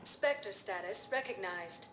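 Calm female computer announcer. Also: mid-range voice, reverberant, background noise. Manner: calm, measured automated announcements.

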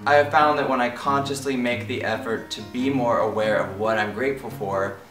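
A man's voice: mid-range voice, steady tone, brisk. A man hosting his channel in casual chat over a party game, earnest and a bit sentimental. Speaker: channel host. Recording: roomy, distant mic, music playing.

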